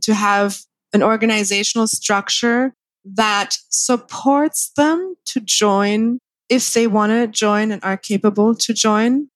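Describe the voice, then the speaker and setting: A woman in her thirties from Thailand, speaking as a guest about her family business in a measured, thoughtful way. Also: mid-range voice, no echo. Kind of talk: conversational interview.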